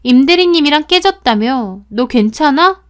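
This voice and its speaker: A woman's voice: high-pitched, animated, normal speed, pitched above the performer's own voice. A woman voicing a snappish scheming young friend. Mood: feigned concern. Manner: indignant, snapping back.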